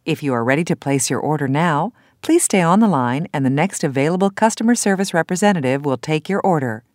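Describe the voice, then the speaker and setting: A woman performing an automated phone menu announcer with a low-set voice. She delivers scripted instructions in a measured way, recorded close and dry. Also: expressive, a little mellow, dry recording. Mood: measured, instructional.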